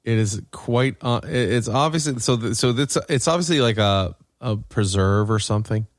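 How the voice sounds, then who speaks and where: A man hosts a podcast, chatting casually and telling stories with a dry, joking delivery. His medium-pitched voice keeps a moderate pace, and the recording is dry.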